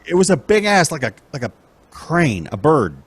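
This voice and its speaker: A man's voice: a little high, sing-song, moderate pace, slightly rough. A man hosting a talk show with crude, joking, casual banter. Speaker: show host.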